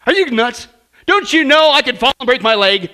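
Man playing a panicky, shrill young boy. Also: big pitch swings, fairly quick, a bit bright, slightly rough, exaggerated voice. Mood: alarmed. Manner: shrill, alarmed outbursts.

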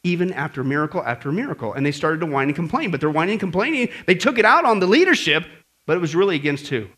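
A man preaching a sermon as pastor in a church, lively and conversational, acting out voices and asking the congregation questions. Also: a little high, fast. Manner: animated, acts out grumbling voices and asks the audience questions.

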